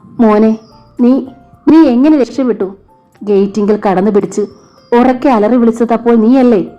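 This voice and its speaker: A woman's voice: medium pitch, takes it slowly, muffled recording, soft background music, natural voice. A woman voicing a grieving mother who sobs and pleads. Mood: pleading. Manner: sobbing, pleading.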